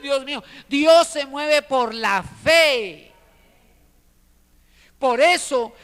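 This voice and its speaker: A man's voice: extremely high pitch, sharp tone, big-room sound. A man preaching a sermon as a pastor, calling his listeners brothers and pressing his points with rising emphasis.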